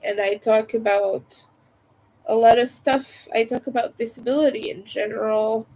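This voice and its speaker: A woman's voice: a little high, steady tone, moderate pace, warm tone, a little hiss or hum, low-quality recording. A woman hosting a casual livestream chat in a rambling way, her voice congested and nasal from a cold, as if her nose were pinched. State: stuffy nose from a cold and allergies. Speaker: livestream host.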